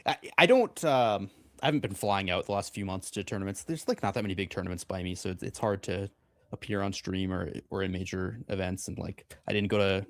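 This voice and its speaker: Low-voiced laid-back co-caster man. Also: brisk, dry recording. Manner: relaxed, hesitant, many fillers. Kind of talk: live card game commentary.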